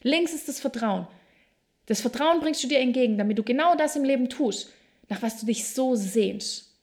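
Woman doing a self-help podcast, kinda high voice w lots of vocal fry, talks right to you, slow n emphatic at times. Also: expressive, darkish tone. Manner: speaks directly to the listener, slow and emphatic in places. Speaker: podcast host.

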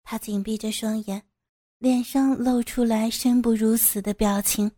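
A woman reading a scripted story in a soft, even narrating voice. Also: fairly high pitch, measured pace.

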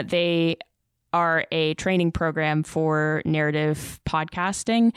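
A woman podcast producer answering interview questions about editing in a relaxed, conversational way. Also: fairly low pitch, clean tone, no echo, clean studio sound. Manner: relaxed, conversational, laughs lightly. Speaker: podcast producer, guest expert. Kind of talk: interview answers, casual explaining.

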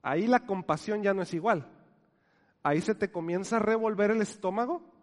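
A man preaching a sermon as pastor, dropping to soft near-whispers and swelling loud again, asking his congregation questions and having them repeat words. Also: sits high, moderate pace, big-room sound.

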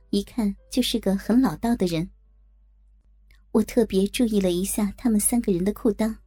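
A woman's voice: medium pitch, dark tone, husky. A woman narrating a first-person adult story in a coy, teasing manner.

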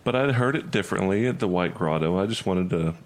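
Deep-voiced dry-humored player. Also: male voice, fast talker, a little hiss or hum. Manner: dry, politely apologetic. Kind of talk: casual tabletop role-play.

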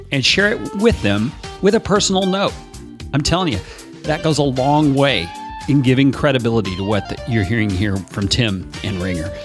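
Male podcast host, echoey room sound, conversational, medium pitch. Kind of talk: interview and podcast sign-off.

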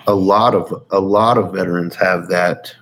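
A man's voice: low-pitched, steady tone, moderate pace, a bit bright. A man speaking as an interview guest in a casual, earnest, informal way, circling back over phrases as he gives personal testimony. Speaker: interview guest, military veteran.

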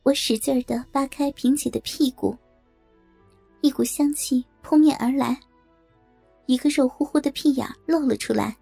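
High, gravelly-voiced woman narrator. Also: normal speed, long pauses, mellow, soft background music. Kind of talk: first-person audiobook narration.

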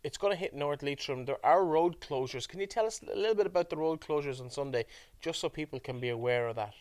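A man's voice: on the high side, fast, darkish tone, no echo. A man presenting a radio programme and putting interview questions to guests.

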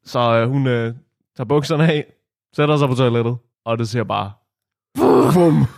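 A man's voice: mid-range voice, no room sound, studio quality. A man telling a crude funny story in casual chat, laughing often and dropping in English phrases.

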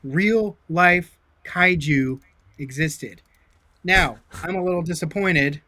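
A man chatting casually as a podcast guest, rambling and excitable, swearing now and then. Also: a little high, takes it slowly, no echo. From California. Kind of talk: casual chat.

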